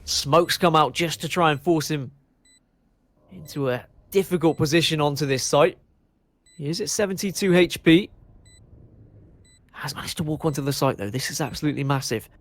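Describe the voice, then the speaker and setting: A man doing lively play-by-play commentary on an esports match, bantering jokingly with his co-caster over a headset mic. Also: a little high, moderate pace, long pauses. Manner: animated, jokey banter.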